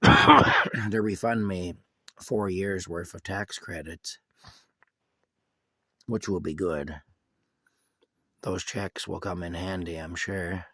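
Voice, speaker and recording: A sick man with a cough, giving a casual, rambling video update from inside his camper, halting and restarting often. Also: low voice, pushed and bright, no echo. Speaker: vlogger giving a personal update.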